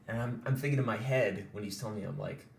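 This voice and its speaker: A man's voice: fairly low pitch, fast talker, gravelly. A man co-hosting a podcast in casual chat, rambling with many restarts. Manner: rambling, restarts and laughs often. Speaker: podcast co-host. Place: studio or room for a podcast. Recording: echoey room with faint noise.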